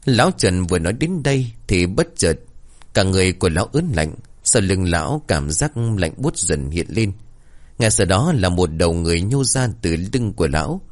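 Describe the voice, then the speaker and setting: Deep-voiced man telling a horror story. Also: very animated, moderate pace. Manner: suspenseful, dramatic. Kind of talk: dramatic horror story narration.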